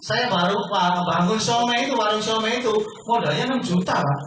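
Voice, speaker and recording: A man giving a persuasive business sales pitch to a seminar audience, asking questions and answering them himself. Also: a little fast, fairly bright tone. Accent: Indonesian. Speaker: business presenter. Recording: echoey room from far off, faint noise.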